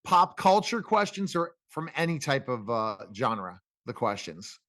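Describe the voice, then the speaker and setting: A man's voice: medium pitch, big pitch swings, a little slow, fairly bright tone, dry recording, studio quality. A man hosting a casual talk interview, talkative, with rambling questions and remarks about himself.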